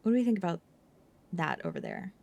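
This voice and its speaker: Hushed, mellow woman streaming ASMR chat. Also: lowish voice, huge pitch swings, brisk, gravelly. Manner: hushed, often slipping into whisper; playful, teasing. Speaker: livestreamer host. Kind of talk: casual livestream chat, ASMR.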